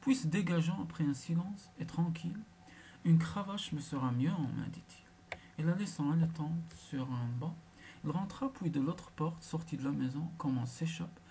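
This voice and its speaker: A woman narrating a classic literary short story in a hushed, half-whispered manner. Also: deep voice, moderate pace, a little hiss or hum. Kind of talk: literary audiobook reading.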